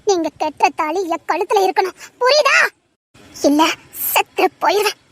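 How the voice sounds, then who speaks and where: In an audio drama, a woman plays a desperate young woman who tearfully and insistently begs her lover to marry her, repeating her pleas. Her voice is extremely high with lively intonation at a moderate pace.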